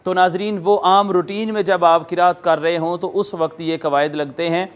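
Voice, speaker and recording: High, smooth-voiced Urdu lecturer. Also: male voice, fairly even intonation. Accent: Pakistani Urdu. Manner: patient, methodical, spells out words and repeats meanings; chants Quranic words slowly in a drawn-out recitation tone. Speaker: Quran and Arabic grammar teacher. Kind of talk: classroom-style recorded lecture.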